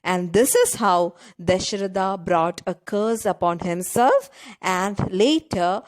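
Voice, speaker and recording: A woman's voice: medium pitch, expressive, takes it slowly. A woman teacher retelling a story to students, repeating and paraphrasing each line and checking in with "isn't it?".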